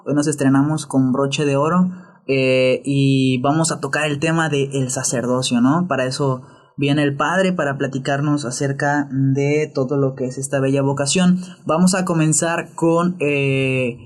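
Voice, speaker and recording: A Mexican man hosts a podcast interview. He asks his questions in a friendly, conversational way and uses many fillers. His voice sits at a middle pitch. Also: steady tone, a little slow. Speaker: podcast host.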